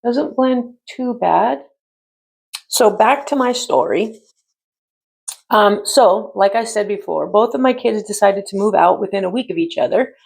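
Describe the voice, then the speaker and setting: Chatty fifties woman, mid-pitched with a creaky edge, easygoing makeup-tutorial talk. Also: measured pace, darkish tone. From United States. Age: 50s. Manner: chatty, rambling, many ums. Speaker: beauty vlogger. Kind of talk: casual makeup tutorial chat.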